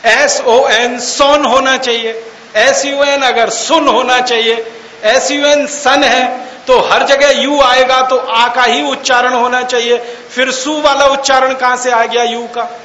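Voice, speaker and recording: Slow and sharp-toned, a very high-pitched male public speaker holds a fairly even intonation. His lecture mocks and argues, leaning on rhetorical questions and letter-by-letter spellings, recorded in an echoey hall with faint hiss.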